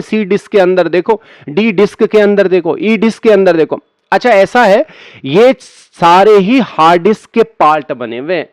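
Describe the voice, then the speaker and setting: Guy with a high voice explaining computer stuff to students, chatty, asks himself questions, dry close sound. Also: no room sound. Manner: conversational, asks and answers his own questions. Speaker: computer teacher. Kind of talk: screen-recorded computer lesson.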